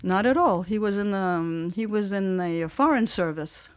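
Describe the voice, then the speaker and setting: An older woman from Tunisia speaks as a guest on a radio show. She tells her story in a thoughtful, hesitant way, pausing to find her words. The room around her sounds dry, with no echo. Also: mid-range voice, lively intonation, clean tone. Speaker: interview guest. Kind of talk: radio interview.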